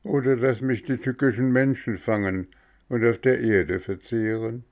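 A man voicing a calm, resigned dolphin with a hoarse voice, speaking in a raised register. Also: mid-range voice, a little slow, voice pushed up, natural voice.

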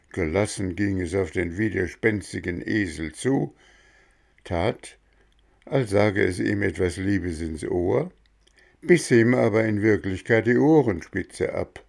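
A man slowly reading a children's storybook aloud, addressing young listeners. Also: sits low, vocal fry, darkish tone. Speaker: narrator.

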